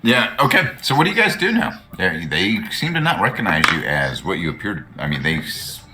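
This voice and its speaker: A man working as game master, narrating casually and haltingly as he thinks aloud. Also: sits low, sing-song, heavy background noise. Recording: distant mic, music playing behind.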